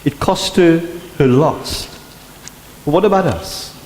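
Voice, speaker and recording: A man with a South African accent preaching a sermon, an animated storyteller who acts out sounds and drops to a hush for emphasis. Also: a little high, slow, a little hiss or hum. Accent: South African English. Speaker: pastor. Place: church sanctuary. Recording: echoey church hall with long reverb.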